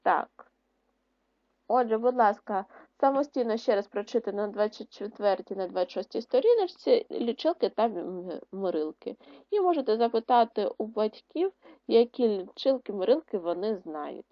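A woman teaching an online reading lesson to young pupils, reciting rhymes and tongue twisters slowly and clearly, then repeating them faster. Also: mid-range voice, lively intonation, no room sound, dull audio. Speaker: primary school teacher.

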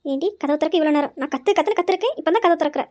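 A woman playing a bossy, sharp-tongued mother who scolds her daughters in a comic family skit. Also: high-pitched, natural voice. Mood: scolding. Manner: bossy, scolding, quick retorts.

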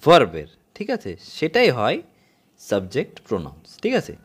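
A man teaching a grammar lesson, keeps checking in with a rising question and reads English examples out slowly. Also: medium pitch, wildly swooping pitch, breathy edge. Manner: keeps asking "ঠিক আছে?" in a rising tone.

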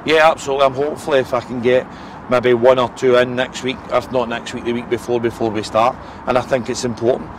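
Scottish football manager, blunt and frank. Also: male voice, medium pitch, little pitch movement, fast. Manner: frank, repeats words, fillers like eh and listen. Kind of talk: post-match interview. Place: outdoors beside a football pitch. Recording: outdoor noise with passing traffic.

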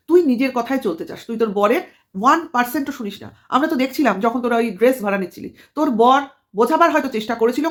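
A woman vlogger giving a scolding, mocking commentary full of rhetorical questions. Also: high-pitched. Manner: scolding and mocking, addresses rival as tui. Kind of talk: commentary vlog.

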